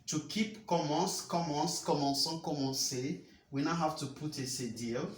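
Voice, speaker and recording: A man with a somewhat high voice teaches French verb rules step by step. He repeats key points and checks in with rhetorical questions. The room is echoey, with a faint hum of ambience behind him. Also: a bit bright. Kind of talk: explaining grammar lesson.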